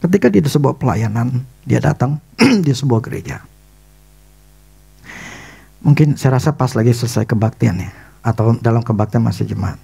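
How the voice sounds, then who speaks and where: A male pastor preaching a sermon in a lively storytelling manner, acting out the dialogue in casual, everyday phrasing. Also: mid-range voice, normal speed, creaky, pauses often, slightly rough.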